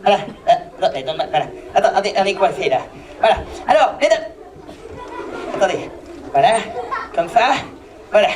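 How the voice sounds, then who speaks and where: A woman performing as a clown for children, playfully bossing her volunteer helpers and breaking into comic yelps and shouts. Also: medium pitch, sing-song, brisk, pauses often, crowd noise. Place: large indoor hall with a live audience. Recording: live hall recording with loud audience noise.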